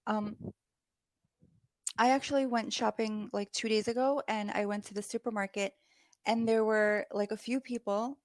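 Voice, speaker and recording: A woman's voice: medium pitch, fairly even intonation, moderate pace, dry recording, clean studio sound. A woman tutoring English over a video call, chatting casually with lots of "like" and "um" fillers. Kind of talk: casual conversation practice.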